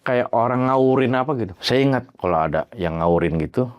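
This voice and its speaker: A man telling his own horror story in a casual, slangy way. He swears freely and acts out the bangs and creaks he heard. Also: mid-range voice, a little fast. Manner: animated, imitates sounds like bangs and creaks.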